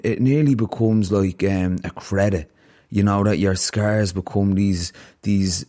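A man's voice: fairly low pitch, dark tone. A man hosting a podcast, earnestly reflecting and telling a long parable to his guest. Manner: earnest, heartfelt, tells parables at length. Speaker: podcast host. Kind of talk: reflective conversation and storytelling.

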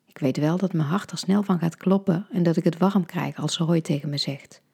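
A woman reads a short story in an intimate, half-whispered hush. Her voice sits fairly low, dark and mellow, with a husky edge. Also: fairly quick. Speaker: podcast storyteller. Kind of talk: scripted narration.

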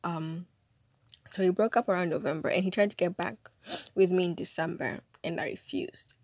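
A woman's voice: on the low side, normal speed, darkish tone, no echo. A young woman telling a casual storytime, chatty and dramatic, sounding drowsy and hungover. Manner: chatty, dramatic, acts out quotes. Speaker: storyteller vlogger.

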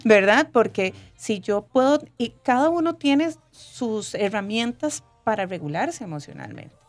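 A woman's voice: a little high, big pitch swings, a little slow. A woman explains her points in a casual, thoughtful way. She tags her sentences with questions to keep the listener with her. Faint music plays under her voice. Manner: frequent tag question "¿verdad?", warm explanatory tone.

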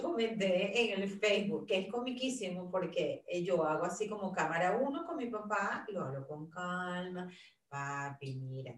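A middle-aged woman talking casually about caring for her father, telling stories and acting out what people said. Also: mid-range voice. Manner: animated storyteller, acts out quotes of her father and herself. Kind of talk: casual talk sharing caregiving advice. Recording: roomy echo, a little far from the mic.

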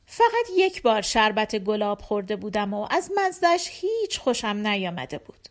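A woman narrating an audiobook in a lively, expressive way. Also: medium pitch.

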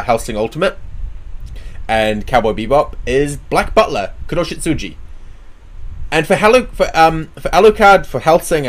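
A man hosting a casual show, giving his opinions in an emphatic, conversational way. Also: mid-range voice. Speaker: show host. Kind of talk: casual opinionated chat about anime dubs.

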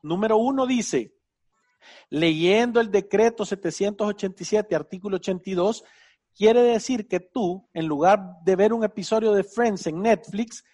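Upbeat high-voiced Salvadoran man. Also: moderate pace, dark tone. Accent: Salvadoran Spanish. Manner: enthusiastic, teasing, uses vos. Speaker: financial advice host. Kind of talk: casual radio advice chat.

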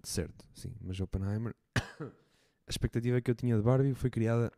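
A man's voice: mid-range voice, moderate pace, mellow, dry recording, clean studio sound. A young man with a European Portuguese accent co-hosting a podcast, teasing bluntly in casual chat. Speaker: podcast co-host.

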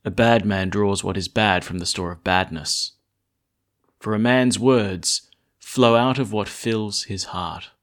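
A man, a priest, speaking at Mass in a church, deliberate when reading and conversational when explaining. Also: fairly low pitch, steady tone. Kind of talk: Gospel reading and informal homily at Mass.

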